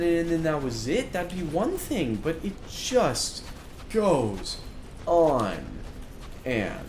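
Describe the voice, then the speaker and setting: A male streamer rants through a live let's-play, exasperated and tripping over restarts. His pitch jumps around a lot, with a roomy echo and a steady noise bed behind him. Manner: exasperated ranting, frequent restarts. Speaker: gaming streamer. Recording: echoey room with background noise.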